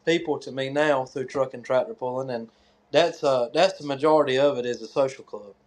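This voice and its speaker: A man from North Carolina with a Southern US accent, answering interview questions casually and haltingly as a competitor. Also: medium pitch, a little mellow. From North Carolina, USA. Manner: hesitant, halting. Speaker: tractor pull competitor and track organizer.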